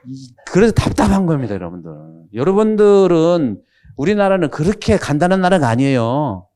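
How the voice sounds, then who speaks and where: Mellow-voiced male priest giving a chatty lecture. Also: on the high side, big pitch swings, brisk. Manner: chatty and humorous, asks the audience questions; drops into regional speech when quoting. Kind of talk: conversational catechism lecture.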